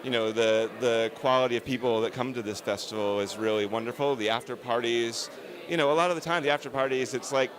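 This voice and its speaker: A man's voice: medium pitch, steady tone, quick pace, crowd noise. Earnest man giving a red carpet interview. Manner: earnest, emphatic, discursive. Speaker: film director, interviewee.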